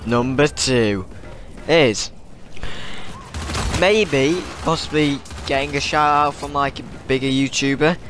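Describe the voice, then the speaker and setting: Against a noisy background, a teenage boy who has a cold talks slowly at medium pitch. As a gaming YouTuber, he rambles through casual tips to viewers while playing, frequently saying the same things again.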